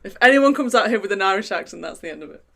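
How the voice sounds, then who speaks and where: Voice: medium pitch, lively intonation, rapid-fire, creaky, a bit bright. An improv performer bantering casually with self-mocking asides.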